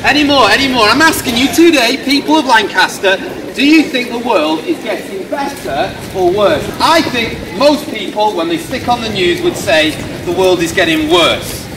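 Middle-aged British male street preacher, high-pitched, heard from a distance over the noise of an outdoor shopping street. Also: lively intonation, normal speed. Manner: loud, questioning the crowd, gesturing widely. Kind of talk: open-air street sermon. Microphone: camera a few metres away, no visible mic.

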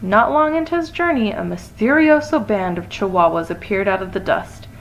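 A woman storyteller giving an expressive read-aloud of a children's picture book. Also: mid-range voice, moderate pace, a little hiss or hum, rough recording.

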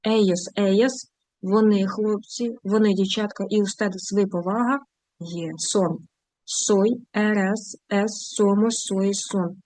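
A woman's voice: medium pitch, a little mellow, no room sound, rough recording. A middle-aged woman teaching an online grammar lesson, explaining patiently step by step and checking that learners follow. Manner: patient, explains step by step, often asks "бачите?". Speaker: language teacher.

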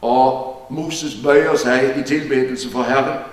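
A man's voice: medium pitch, fairly even intonation. A man preaching an earnest, emphatic Bible-teaching sermon in a church hall. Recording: echoey church hall from far off.

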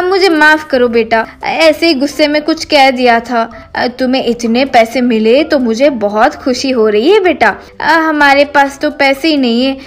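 Woman playing a greedy wheedling mother. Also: high-pitched. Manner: wheedling, pleading. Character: greedy fawning mother, middle-aged woman.

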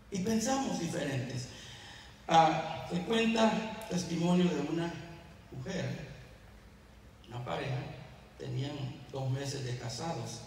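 A man's voice: high voice, a little hiss or hum. A man preaching to a congregation in a church hall, telling stories and questioning the crowd. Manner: storytelling, asking the congregation questions. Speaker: Bible teacher. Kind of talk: sermon. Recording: echoey church hall, mic at a distance.

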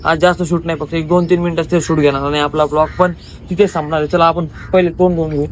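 A man's voice: a little high, flat delivery, fast, slight background noise. A young man casually vlogging around his rural farm, chatting to his viewers as friends on a handheld phone. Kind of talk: casual vlog chat. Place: rural farmyard and fields, outdoors.

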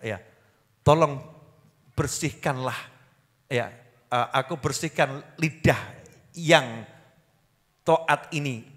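Role: soft pleading prayer of a devout old scholar , voiced by a preacher, bright tone, echoing hall. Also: male voice, medium pitch, takes it slowly, pauses often, pitched below the performer's own voice. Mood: tender prayer. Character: pious elderly male scholar praying gently.

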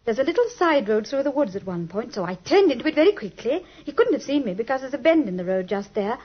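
With a fairly high, very animated voice, a quick pace, and a breathy edge, a young adult British actress plays an earnest, genteel lady client, 1950s radio-drama style. Her mood comes across as earnest yet uneasy. The sound is muffled and lo-fi, typical of a 1950s radio recording.

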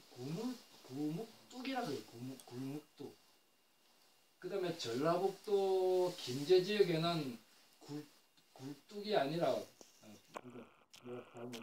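This older man's voice sits a little high and has a darkish tone as he lectures a class on traditional floor heating. He rambles, corrects himself and fills pauses often, recorded from afar in an echoing lecture room with slight background noise.

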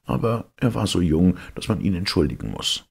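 Give me a man reading a fairy tale aloud, deep and lively in pitch. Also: creaky, breathy edge. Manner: measured storytelling. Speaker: audiobook reader. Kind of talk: expressive audiobook narration.

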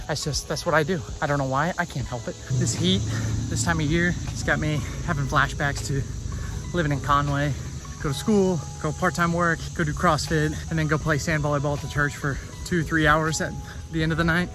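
A man rambling casually and playfully to his vlog while he runs along an outdoor trail. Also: a little high. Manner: talking while running outdoors. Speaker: vlogger.

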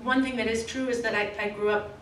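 In a small, echoey indoor room with a red curtain, a woman with a fairly high voice reads aloud from her novel in a measured, expressive way, then answers a casual Q&A haltingly, self-correcting. She grew up in Australia, Canada and the States, and her podium mic is picked up by a far camera, distant with faint hiss.

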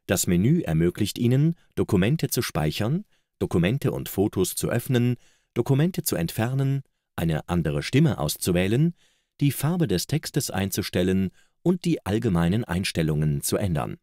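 Male product video narrator: deep, animated scripted promotional read, close and dry. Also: moderate pace, no echo. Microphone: close studio voice-over microphone.

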